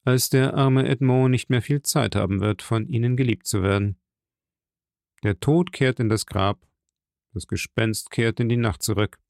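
A man reading an audiobook, voicing a brooding, vengeful count who speaks solemnly and gravely. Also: medium pitch, measured pace, a little mellow, no room sound, studio quality, close to an everyday voice.

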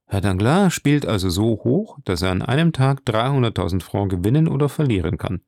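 A man voicing a composed, watchful count in an audiobook, speaking in measured tones. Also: lowish voice, expressive, vocal fry, a little mellow, no echo, clean studio sound.

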